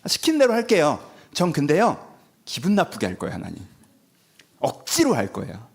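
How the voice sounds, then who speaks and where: A man's voice: on the high side, wildly swooping pitch, moderate pace, gravelly, slightly rough, exaggerated voice. A man putting on a whiny, sulking believer. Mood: grudging. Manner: whiny, pleading, passive-aggressive. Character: sulky adult male believer bargaining with God.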